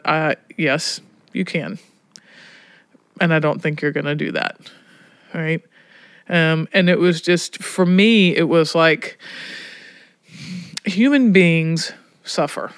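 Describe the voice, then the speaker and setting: A woman from Alabama who directs a prison education program tells reflective stories in an interview, speaking emphatically and often checking in with "right?" Her voice is on the low side, recorded in clean studio sound with no room sound.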